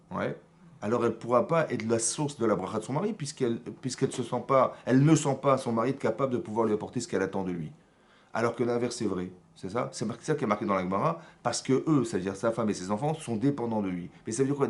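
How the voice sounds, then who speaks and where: Rabbi teaching with lively insistence. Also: male voice, mid-range voice. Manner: animated, repetitive teaching with checks for understanding. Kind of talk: Torah lesson. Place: synagogue.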